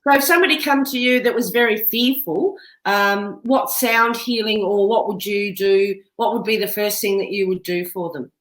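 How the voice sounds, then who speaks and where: A woman's voice: mid-range voice, moderate pace, hardly any pauses. Woman host, chatty, agreeable, roomy echo around her voice. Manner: chatty, agreeable, often adds tag questions. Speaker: podcast host. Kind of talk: casual interview chat.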